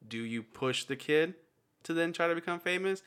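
A man's voice: fairly high pitch, animated, moderate pace, fairly bright tone, clean tone. A man co-hosting a podcast, leading the casual chat with questions. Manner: asks questions, leads discussion. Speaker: podcast co-host.

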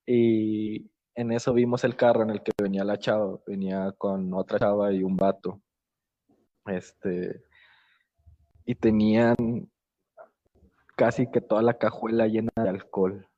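A young man, co-hosting a podcast in laid-back, slangy casual chat with some halting restarts. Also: fairly low pitch, flat delivery, warm tone. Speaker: podcast co-host. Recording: dull lo-fi podcast audio.

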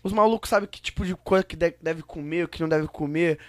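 A man's voice: fairly high pitch, fast talker, no echo, studio quality. A young man in casual podcast banter, full of street slang and swearing, repeating himself insistently. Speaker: podcast co-host.

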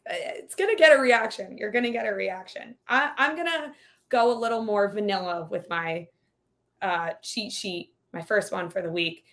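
An upbeat woman co-hosts a casual sports betting chat. Her voice sits at a middling pitch, and her delivery is lively and chatty, often breaking into laughter. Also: moderate pace. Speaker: podcast co-host.

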